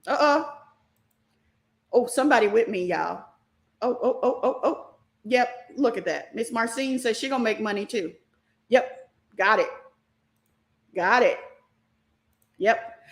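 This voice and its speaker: A middle-aged woman hosting a live online stock class, talking fast and animated while she reacts to viewer comments. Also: on the high side, vocal fry. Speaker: stock market class host.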